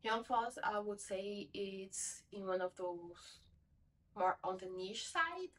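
In a home room lined with bookshelves, a young woman from a Portuguese-speaking country, Portuguese being her first language, chats casually about a book, rambling and correcting herself. Her mid-range voice is expressive, slow and a bit bright. The camera sits a little away, so the sound is distant.

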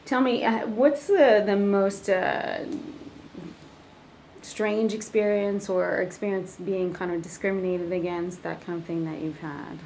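A woman's voice: mid-range voice, steady tone, measured pace, a little mellow, a little hiss or hum, rough recording. A woman interviewing someone, asking rambling questions she often restarts.

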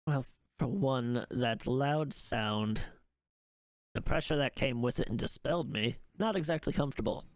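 A man acts out a vengeful spirit bear from a tabletop role-playing game. The creature talks like a leprechaun, grumpy and full of indignation. The sound is dry and close, at a middling pitch. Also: a little slow, no room sound, lightly acted. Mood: aggrieved.

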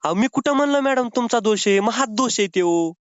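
A man's voice: sits high, animated, a little fast, smooth, dry recording. A man making a comic prank phone call, pleading and whining in a mock-sobbing way. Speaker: prank caller.

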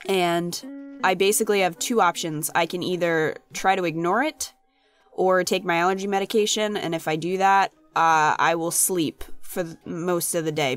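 Phlegmy, low-pitched woman gamer chatting. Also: steady tone, moderate pace, clear, resonant tone. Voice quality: phlegmy, congested from allergies. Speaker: gaming channel host. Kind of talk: casual let's play commentary. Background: video game music.

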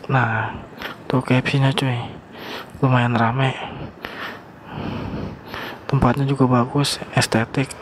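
A man's voice: medium pitch, takes it slowly, long pauses. Slangy young man narrating a motorbike ride. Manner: slangy, relaxed, talks to viewers. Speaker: motovlogger. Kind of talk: casual riding commentary. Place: riding a motorbike on town streets outdoors. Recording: traffic and wind noise.

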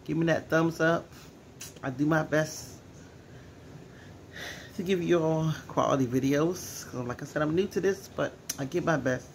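A teary-eyed man records a personal vlog at home and talks earnestly, coming back to the same words again and again. His voice sits a little high for a man and has a rough, gravelly creak. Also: unhurried, pauses often, a little hiss or hum. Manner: earnest, emotional, repeats himself. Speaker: vlogger. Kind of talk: casual personal vlog talk.

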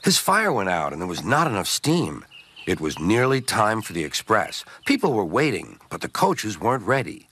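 A man narrating a children's train story in a gentle, expressive storytelling way. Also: fairly low pitch, moderate pace, background noise. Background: loud music.

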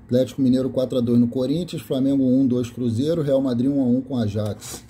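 Off camera, a man with a Brazilian Portuguese accent shows off his VHS tapes in a small indoor room, casually listing the labels and fixing his own mistakes. He talks a little fast in a medium-pitched, dark voice with fairly even intonation, over slight hiss or hum.

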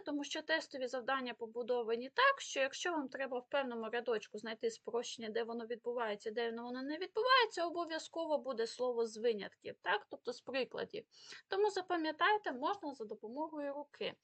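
High-voiced Ukrainian woman tutor. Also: lively intonation, a bit bright. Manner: explains rules step by step, lists example words with emphasis; filler pauses. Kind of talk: exam prep lesson.

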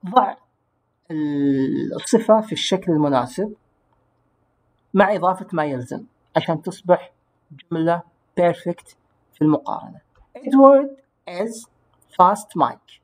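This man's voice sits high and sounds expressive as he teaches a recorded English grammar lesson. He explains with patience, easing his pace to say English words carefully.

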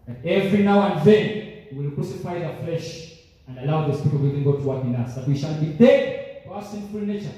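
A young man preaches from the pulpit in a fervent, repetitive way, with his voice sitting high. His tone is mellow and dark rather than bright. The recording is caught from far off in a big, echoing church hall. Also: lively intonation, brisk. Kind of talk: sermon. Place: large church sanctuary, standing at a pulpit. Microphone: handheld mic, filmed by a far camera.

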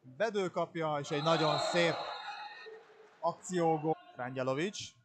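Guy calling a water polo match live, slightly high voice, some background noise. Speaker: play-by-play sports commentator. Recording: steady pool-hall noise behind the voice. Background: indoor pool ambience.

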